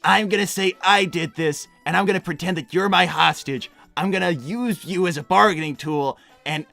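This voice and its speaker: A man's voice: sits high, normal speed, creaky, bright, forceful tone, faint music behind, full character voice. A man voicing an anxious, well-meaning young hedgehog hero in improvised livestream roleplay, hesitant and stammering as he rambles reassurances. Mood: awkward scheming. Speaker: livestream performer answering donor messages.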